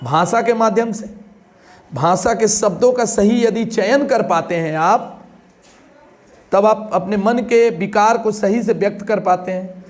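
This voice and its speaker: A man's voice: sits high, a little slow. A man teaching an exam-prep class, explaining points with questions and everyday examples.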